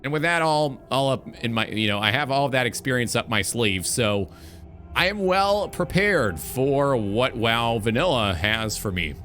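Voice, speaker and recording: This livestream features a streamer and talk show host in his twenties ranting about video games, background music behind him. His mid-range voice is fairly bright with lively intonation and a slightly slow pace, and he rambles casually and emphatically, swearing at times.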